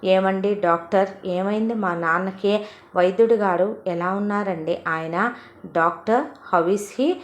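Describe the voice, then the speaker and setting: A woman's voice: medium pitch, unhurried, reverberant, close to an everyday voice. Woman voicing an anxious grown son. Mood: worried. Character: worried adult son.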